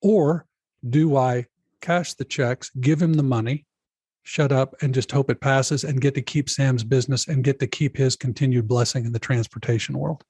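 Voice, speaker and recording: A man's voice: medium pitch, steady tone, moderate pace, a little mellow, breathy edge, no echo. A middle-aged man, a lawyer guest on a podcast, telling a personal story in earnest and often addressing the host by name. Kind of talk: storytelling in an interview.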